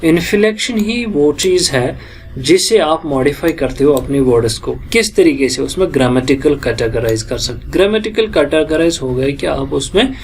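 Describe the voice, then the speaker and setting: A man giving a recorded lecture, explaining in his own words and reading English lines out slowly. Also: on the high side, expressive, slight background noise.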